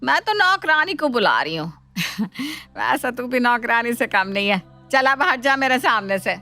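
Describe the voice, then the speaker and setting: A woman voicing a scheming, sharp-tongued mother-in-law who taunts and mocks her daughter-in-law in a cartoon story. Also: fairly high pitch, very animated, normal speed, soft background music, full character voice. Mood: mocking. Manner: taunting, mocking. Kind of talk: cartoon voice acting.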